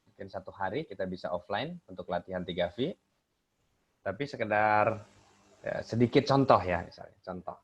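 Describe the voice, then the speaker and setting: Man, communication coach, webinar lesson, husky voice, very lively pitch, muffled online call audio. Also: moderate pace. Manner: animated, swings pitch to illustrate intonation. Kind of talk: webinar teaching with spoken demonstrations.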